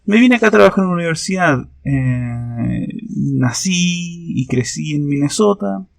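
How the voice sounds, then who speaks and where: Gravelly man, thoughtful interview guest. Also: on the high side, animated, dry recording. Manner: thoughtful, reflective, with hesitant pauses. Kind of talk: conversational interview answers.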